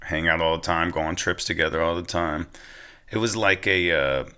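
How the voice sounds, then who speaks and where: Chatting easily as a podcast guest, a young Pennsylvania man uses plenty of slang in a casual interview. He speaks at a normal speed with a low, smooth voice that sounds pushed and bright, and his intonation is fairly even.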